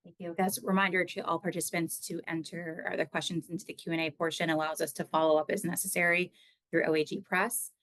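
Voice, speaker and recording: A woman's voice: on the low side, flat delivery, fast talker, fairly bright tone, dry recording, low-quality recording. A woman moderating a press briefing, reading out reporters' questions in a polite, businesslike way.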